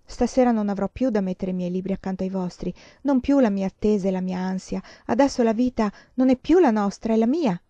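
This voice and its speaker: A woman's voice: medium pitch, a little fast, few pauses, warm tone, dry recording, muffled recording, natural voice. A woman voicing an intense, earnest young female student with impassioned, emphatic speech in a storybook reading.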